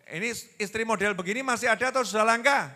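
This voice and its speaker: A man with a Javanese accent preaching a lively sermon to a gathering, joking and putting questions to the audience. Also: sits high, fast. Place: large religious gathering hall. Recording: long reverb of a large hall.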